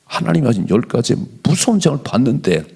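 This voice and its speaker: Man, pastor, early-morning church sermon, gravelly, husky, animated. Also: medium pitch. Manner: animated preaching, slows to read scripture aloud. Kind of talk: dawn prayer sermon. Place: church sanctuary.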